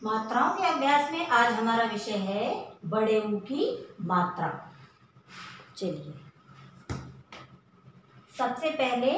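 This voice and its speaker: A woman teaching young children a patient lesson, asking questions and sounding out each letter slowly. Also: fairly high pitch, fairly bright tone, far from the mic, a little hiss or hum. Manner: patient, asks questions and answers them herself. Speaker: primary school teacher. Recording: very echoey room, voice from off-mic.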